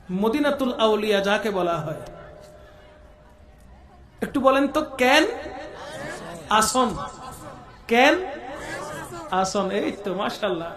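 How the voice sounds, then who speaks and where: A man's voice: very high voice, a bit bright. A man preaching a sermon at a religious gathering, calling out to the crowd and chanting Arabic phrases. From West Bengal, India. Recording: echoey public-address sound.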